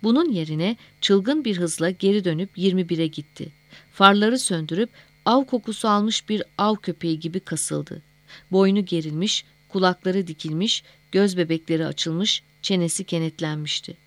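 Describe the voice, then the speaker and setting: A woman narrating a novel as an audiobook in a measured, steady reading voice. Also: fairly low pitch, no room sound.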